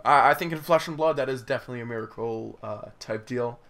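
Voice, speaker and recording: A man's voice: medium pitch, fast talker, vocal fry, a bit bright. Young guy, mid voice, earnest, lots of likes and uhs. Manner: earnest, hesitant, lots of fillers. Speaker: host. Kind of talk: casual chat.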